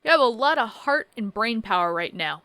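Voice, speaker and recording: Bright, clear-voiced woman in her thirties. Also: a little high, animated, fairly quick, no room sound. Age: 30s. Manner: reads on-screen text aloud, then adds wry joking asides. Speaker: let's play host. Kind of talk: casual playthrough commentary.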